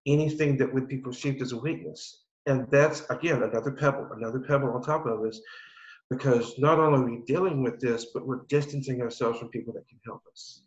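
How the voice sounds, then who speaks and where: An army veteran tells his story on a podcast in an earnest, animated way, his voice sitting at an ordinary middle pitch. The recording sounds roomy, with a dull, muffled edge.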